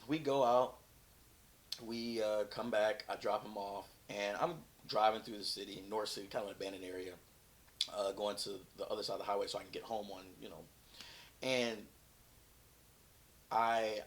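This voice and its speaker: A man, a former police officer, frankly telling a personal story in an interview, acting out the dialogue as he goes. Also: fairly low pitch.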